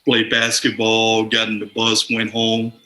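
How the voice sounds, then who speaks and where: A Samoan man, Samoan being his first language, shares memories as a guest in casual storytelling, chuckling through lively anecdotes. His voice is bright yet lowish and a little slow. The room is echoey with faint background noise.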